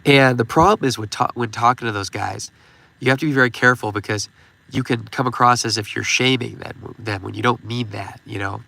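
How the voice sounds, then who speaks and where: This man in his thirties has a medium-pitched, brisk voice with vocal fry and a pushed, bright quality, plus a stuffed-up nose. Hosting a stream, he rambles through casual advice and leans heavily on "you know."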